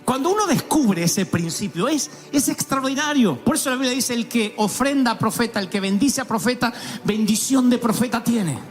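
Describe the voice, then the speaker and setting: High-voiced preacher, animated. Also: male voice, moderate pace, faint music behind. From Argentina. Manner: animated, storytelling with sudden exclamations and mimicked voices. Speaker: pastor. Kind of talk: sermon. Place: large church auditorium.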